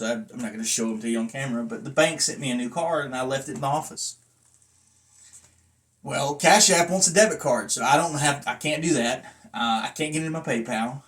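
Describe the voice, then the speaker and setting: A man with a slightly high, fairly bright voice talks casually to camera in a rambling review. He's a vlogger and wrestling belt collector reviewing a belt, with a blunt, self-deprecating manner.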